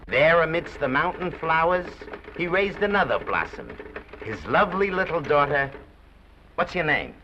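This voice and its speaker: A man's voice: a little high, pushed and bright, slight background noise, heavily acted. An actor playing a brash, sarcastic male studio press agent who spins theatrical stories, in a 1930s film. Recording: dull 1930s film soundtrack.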